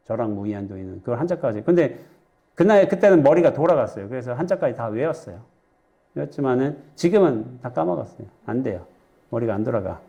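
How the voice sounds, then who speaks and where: Mellow-voiced monk giving a joking dharma talk. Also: male voice, mid-range voice. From Chungcheong, Korea. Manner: chatty, joking asides, quizzes the audience. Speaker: Buddhist monk lecturer. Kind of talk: dharma lecture to a lay audience. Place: temple lecture hall with audience.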